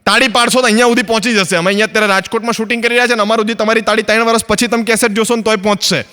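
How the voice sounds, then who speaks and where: Fast, bright-voiced Ahmedabad comedian. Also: male voice, sits high, steady tone, clean tone, long reverb tail. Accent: Ahmedabad Gujarati. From Ahmedabad, Gujarat, India. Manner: chatty storyteller acting out both sides of dialogues. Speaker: stand-up comedian. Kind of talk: stand-up comedy monologue. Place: stage, filmed for a comedy recording.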